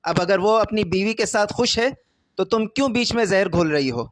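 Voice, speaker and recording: Calm stern older father, high-pitched reading voice, dry, voiced by a man. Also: no echo, lightly acted.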